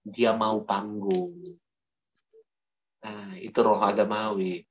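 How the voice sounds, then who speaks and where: A man preaching to a youth church in a lively storytelling style, often laughing as he talks. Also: on the low side, takes it slowly, muffled recording. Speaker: youth pastor. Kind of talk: sermon with storytelling.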